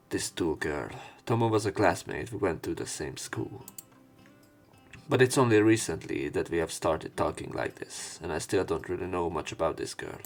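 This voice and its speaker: Very low-voiced man reading a visual novel. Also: creaky. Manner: stumbles and corrects words while reading, laughs to himself. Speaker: let's play narrator.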